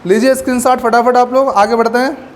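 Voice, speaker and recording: A man with a very high, steady voice teaches a lecture class at a fairly quick pace. He asks questions and answers them himself using memory tricks, and the room sounds echoey with faint background noise.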